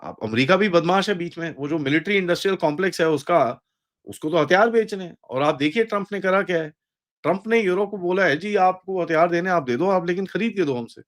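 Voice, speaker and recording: Animated Indian man, mid-high voice. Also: quick pace. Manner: animated, mixes English phrases, acts out quoted speech. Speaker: guest analyst. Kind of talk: casual political discussion.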